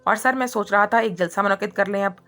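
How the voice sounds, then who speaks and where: A woman's voice: mid-range voice, fast, bright, forceful tone, soft background music, natural voice. A woman voicing a deferential male assistant who speaks respectfully to his boss in a read-aloud story. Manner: respectful, eager to please.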